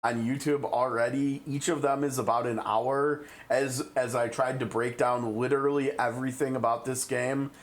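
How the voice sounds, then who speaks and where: A man's voice: medium pitch, fairly even intonation, moderate pace, few pauses. A man with a Midwestern American accent, chatting casually on a live game stream and thinking aloud as he reads. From Midwestern United States.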